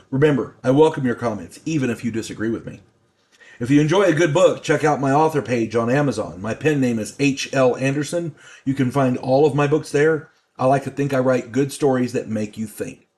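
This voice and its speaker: An older man hosting his own channel, talking in a rambling, halting way with grumbling asides. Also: medium pitch, a little mellow. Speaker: channel host. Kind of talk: casual monologue.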